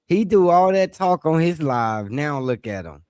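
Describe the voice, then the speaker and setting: A man's voice: a little high, big pitch swings, a little slow, a little mellow, clear, resonant tone. A man hosting a podcast in easygoing, informal casual chat, steering the show through its agenda. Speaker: podcast host.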